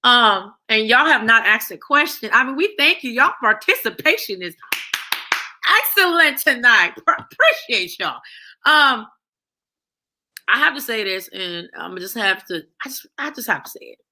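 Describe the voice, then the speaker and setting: Female host, bright forceful tone, loose rambling chat with viewers. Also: on the high side, sing-song, normal speed. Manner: rambling, repeats phrases while thinking aloud.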